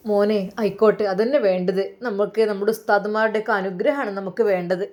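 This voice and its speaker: A woman's voice: medium pitch, fairly even intonation, fast talker, a little mellow, close to an everyday voice. A woman voicing a kindly, devout older mother who speaks tenderly and soothingly, with a Malabar Malayalam accent.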